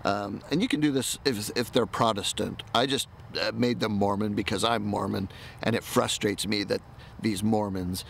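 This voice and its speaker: Gravelly middle-aged American man, rambling outdoors. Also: on the low side, steady tone, moderate pace. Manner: rambling, hesitant, self-interrupting. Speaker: amateur writer pitching a movie idea. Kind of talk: casual unscripted monologue to camera. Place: outdoors in an open grassy park. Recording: outdoor ambient noise with distant traffic.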